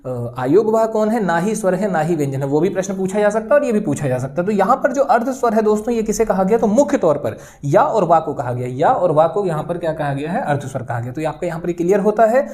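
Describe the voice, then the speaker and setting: Woman teacher with a lively, low voice. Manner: explanatory, often adds "ठीक है" and "दोस्तों"; sounds out letters slowly to demonstrate. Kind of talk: exam-prep grammar lesson.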